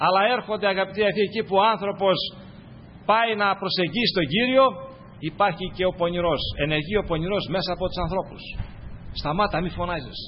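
A male preacher with a high voice delivers a fervent sermon in a steady, repetitive cadence. The recording sounds dull and lo-fi. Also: a little hiss or hum.

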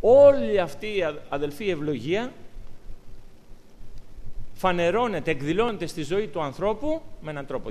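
A man preaching a sermon to his congregation, talking with lively, emphatic rises. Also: a little high. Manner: animated, rising to emphatic peaks. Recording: long hall reverb.

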